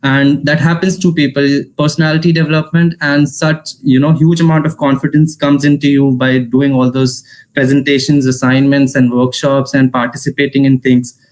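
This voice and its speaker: Fast-talking young Indian man. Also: medium pitch, little pitch movement, a little mellow, low-quality recording. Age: 20s. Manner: fast talker, mixes Hindi into English, frequent restarts. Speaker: alumnus giving a career talk. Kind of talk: informal online info session.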